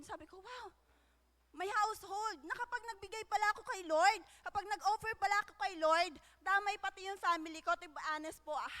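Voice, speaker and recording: A young woman with a very high, bright voice shares her personal testimony at church. She speaks haltingly, filling gaps with fillers and checking in with tag questions, and her words trail off into the long reverb of a large hall. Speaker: church member giving testimony.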